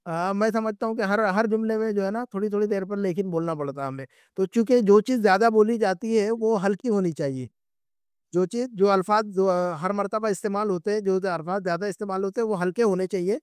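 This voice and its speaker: A man's voice: high voice, a little mellow, clear, resonant tone, no room sound, studio quality. A man, teaching an Arabic class online and patiently repeating points to check his students follow.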